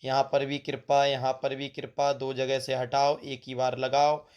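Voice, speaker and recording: A man's voice: mid-range voice, completely flat delivery, unhurried, darkish tone, clear, resonant tone, lo-fi sound. A man teaching a grammar lesson to students, calling them "beta" and making joking asides between corrections.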